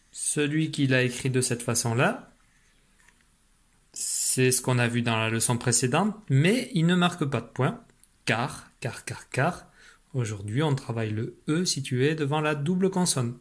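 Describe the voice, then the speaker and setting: A male teacher leads a spelling dictation at an unhurried, deliberate pace. He speaks patiently and repeats each syllable. His voice sits at a middle pitch. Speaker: primary school teacher.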